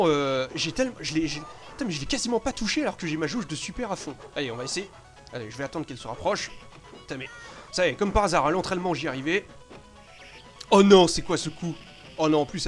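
A man with a fairly high voice commentates his own gameplay live. He swears freely, bursts out loudly and then drops to mutters. Faint game music plays behind him. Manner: excitable, swears often, sudden loud outbursts then mutters.

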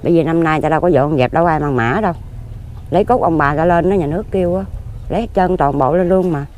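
Low-pitched and a little mellow, a Southern Vietnamese woman in her fifties talks fast, with a little hiss or hum on the recording. A lottery ticket seller, she rambles plainly and earnestly at length in a casual interview outdoors among graves.

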